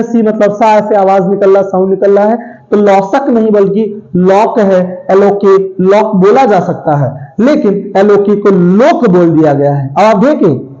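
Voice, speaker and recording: A high-voiced man teaches English pronunciation in a classroom manner. His tone is dark and mellow, and he repeats each word again and again, asking questions and answering them himself. The recording sounds dull and lo-fi. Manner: repeats words over and over, asks and answers his own questions. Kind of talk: classroom-style pronunciation lesson.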